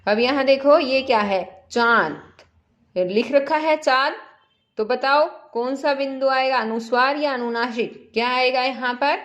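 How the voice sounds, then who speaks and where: A woman teacher walks children through a primary-school lesson at an unhurried pace. Her voice sits a little high. She repeats each example and keeps putting simple questions to her pupils. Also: fairly bright tone, dull audio.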